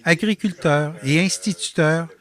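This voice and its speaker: Speaking in a calm, measured voice-over, a man with a Quebec French accent narrates a documentary about his artist residency. His voice sits on the high side.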